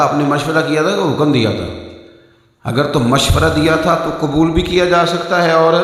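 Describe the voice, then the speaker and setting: A man preaching a mosque sermon, telling stories with acted quotes and swinging between loud and soft delivery. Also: on the high side. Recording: echoey hall reverb.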